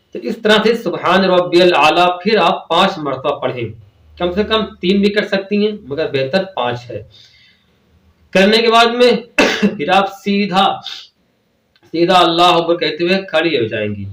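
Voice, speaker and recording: A man's voice: on the high side, a bit bright, echoey room, low-quality recording. A man patiently teaching the steps of prayer, repeating and rephrasing each point. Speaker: religious teacher. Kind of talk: step-by-step prayer instruction.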